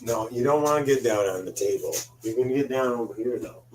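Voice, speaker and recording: A man's voice: mid-range voice, brisk, a little hiss or hum. A man hosting a live cooking stream from his kitchen, chatting casually, swearing offhandedly and talking to his cat. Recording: voice a bit distant from the mic.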